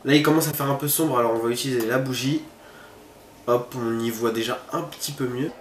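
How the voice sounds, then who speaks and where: A man's voice: medium pitch, fairly even intonation, a little fast. A man giving casual let's-play commentary, thinking aloud and chatting informally to his viewers. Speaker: gamer hosting a horror game video. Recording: roomy echo, faint background noise.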